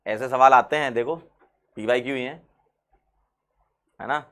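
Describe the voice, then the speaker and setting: Bright, lively chemistry teacher. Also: male voice, mid-range voice, unhurried. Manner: lively, repeats key phrases, asks and answers his own questions. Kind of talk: exam-prep chemistry lesson.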